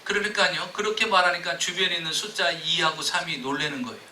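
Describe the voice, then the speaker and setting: A man's voice: fairly high pitch, steady tone, fast talker, sharp tone, slight background noise. Man, pastor, sermon, storytelling with humor, echoey church, distant mic, faint background ambience. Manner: storytelling, joking with the congregation. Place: church sanctuary.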